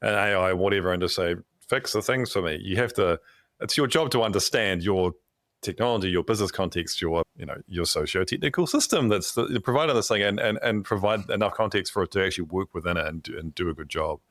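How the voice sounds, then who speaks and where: Earnest low-voiced man, very dry sound. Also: fast talker, a bit bright, dry recording. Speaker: podcast host. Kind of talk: reflective conversational interview talk.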